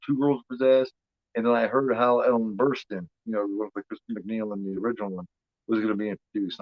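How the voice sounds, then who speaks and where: A man's voice: mid-range voice, no room sound, dull audio. A man of fifty talks casually and rambles, repeating himself with lots of fillers and the odd curse. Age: 50s. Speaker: host. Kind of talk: casual watch-along commentary.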